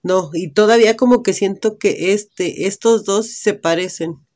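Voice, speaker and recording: Mexican beauty vlogger, unhurried and chatty, mid-pitched voice. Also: female voice, a little mellow. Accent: Mexican Spanish. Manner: chatty, thinks aloud, many fillers. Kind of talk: casual lipstick try-on vlog. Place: indoors at home, natural light.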